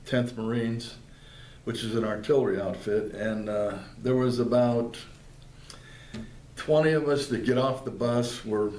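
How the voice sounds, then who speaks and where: In a public library room, an older man from northeastern Pennsylvania recounts his service stories for an oral history interview. He speaks plainly in a steady, unhurried, medium-pitched voice with a darkish tone, using many fillers and restarts. The recording is roomy, with faint background noise.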